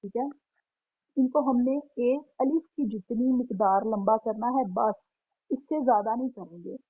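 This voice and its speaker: Husky woman teaching tajweed over tinny audio. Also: on the high side, no echo. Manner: patient, repeats points and asks "ठीक है"; stretches out sample syllables slowly. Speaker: Quran recitation teacher. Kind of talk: online tajweed lesson. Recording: tinny phone-like sound, dry.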